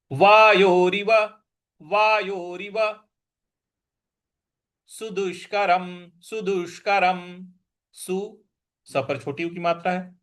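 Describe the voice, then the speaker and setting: A man teaching Sanskrit verse recitation, sounding out each word slowly and chanting lines in a sing-song. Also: fairly high pitch. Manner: slow, deliberate, repeats each word and sounds it out. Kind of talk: recitation and pronunciation lesson.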